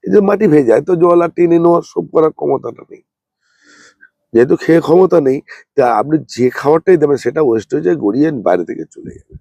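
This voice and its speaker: A man, unwell, giving a slow, plain, repetitive gardening demonstration as a channel host. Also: a little high, expressive, creaky, mellow, no echo, lo-fi sound. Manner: speaks slowly and plainly, repeating points.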